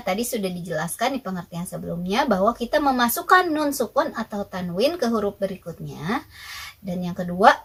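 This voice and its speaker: A woman's voice: medium pitch, husky, poor audio. A young woman, patiently teaching Quran recitation rules step by step and asking her own questions before answering them. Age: young adult. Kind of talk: recorded tajwid lesson.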